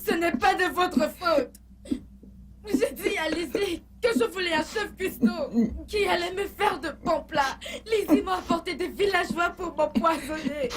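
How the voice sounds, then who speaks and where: A woman's voice: very high voice, measured pace, far from the mic, a little hiss or hum. A woman playing a pregnant, demanding lady of the house who wails through tearful complaints in a dubbed film. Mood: tearful, indignant. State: crying.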